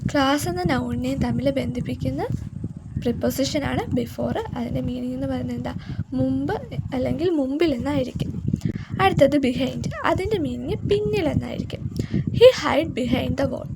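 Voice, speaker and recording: A woman teacher explaining grammar, reading her example sentences slowly and deliberately. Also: sits high, vocal fry, very noisy.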